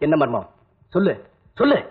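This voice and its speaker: A young actor playing a curious newcomer who presses others with quick questions, in a 1980s film on a tinny soundtrack. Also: male voice, on the high side, huge pitch swings, slightly rough, heavily acted. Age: young adult.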